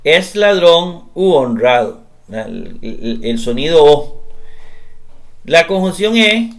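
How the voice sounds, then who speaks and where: A man giving a recorded grammar class, explaining step by step, often pausing with "eh" and checking in with "¿verdad?". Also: mid-range voice, a bit bright. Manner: explanatory, repeats tag question "¿verdad?", frequent hesitations. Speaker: grammar teacher.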